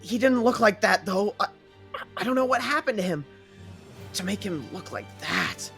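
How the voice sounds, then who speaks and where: A man voicing a young boy who is angry and grieving and who speaks in shrill, tearful outbursts. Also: very animated, normal speed, fairly bright tone, soft background music.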